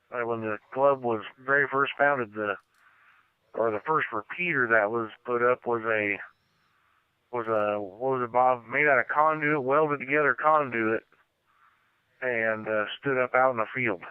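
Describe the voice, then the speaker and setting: A man's voice: medium pitch, clean tone, dry recording, narrow, tinny audio. An American man running a casual amateur radio net as controller, heard over a two-way radio transmission. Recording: band-limited, dry amateur radio audio.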